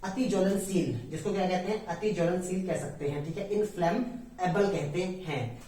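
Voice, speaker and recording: A woman's voice: lowish voice, warm tone. Indian lady teaching english words, keeps asking and repeating, really echoey room, far off mic. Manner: explains slowly in Hindi with English words, often asks and repeats. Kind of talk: online English lesson.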